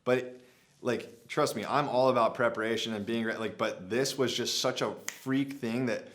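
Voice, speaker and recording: Animated young man telling a story. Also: medium pitch, normal speed. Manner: animated, many "like" fillers, acts out his own past lines. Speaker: adventure vlogger. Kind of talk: casual storytelling to camera.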